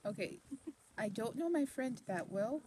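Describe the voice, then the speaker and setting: A woman's voice: on the high side, animated, measured pace, background noise. A woman vlogging a fabric shopping meetup, chatting and teasing people with playful questions. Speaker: vlogger and interviewer. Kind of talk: casual chat. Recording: loud crowd chatter behind.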